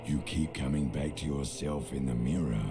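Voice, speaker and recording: An actor voicing an ancient, brooding inner voice of the brain in a video game, slow and taunting, with a gravelly voice. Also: male voice, steady tone, music in the background. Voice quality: gravelly, very deep.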